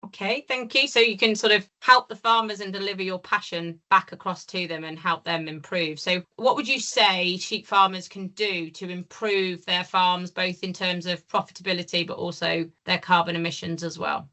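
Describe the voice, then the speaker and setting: A woman hosting a podcast interview who asks polite, measured questions. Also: lowish voice, steady tone, bright, forceful tone. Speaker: podcast host.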